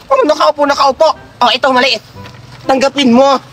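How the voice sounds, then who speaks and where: Brief: male performer as a shrill, bright, bossy old woman scolding kids in a comedy skit, music under. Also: steady tone, normal speed. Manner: scolding, loud and dramatic. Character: bossy older woman handing out gifts. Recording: music playing behind.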